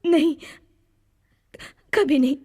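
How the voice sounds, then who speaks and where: A woman's voice: high-pitched, takes it slowly. A woman voicing a grieving young princess in a radio drama, speaking in a solemn, declamatory way. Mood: resolute. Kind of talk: Hindi radio-drama acting. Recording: music playing behind.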